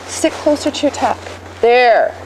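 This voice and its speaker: A woman riding instructor with a high voice gives brisk, projected commands in a live lesson. She is directive and corrective, explaining briefly as she goes, over clearly noisy ambience. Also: animated, a little mellow.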